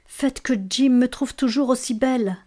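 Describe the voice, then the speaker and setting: Woman doing a young wife, storybook, pleading, emotional, higher pitched. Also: steady tone, moderate pace, dark tone, natural voice. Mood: praying. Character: young wife, tender and anxious.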